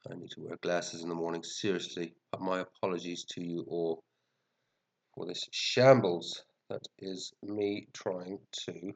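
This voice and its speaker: Low-pitched sniffly man, chatting casually. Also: fairly even intonation, measured pace, gravelly. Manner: chatty, muttering to himself, mildly sweary. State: sniffly, congested with a head cold. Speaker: fantasy football show host. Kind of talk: casual rambling commentary reviewing team scores.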